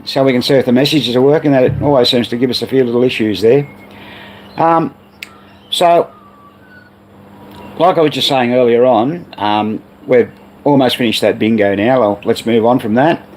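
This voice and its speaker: A man's voice: mid-range voice, moderate pace, long pauses, a little mellow, a little hiss or hum, poor audio. An Australian man hosting a casual livestream about repairing old pinball machines, rambling with many fillers. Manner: rambling, reads viewer messages aloud.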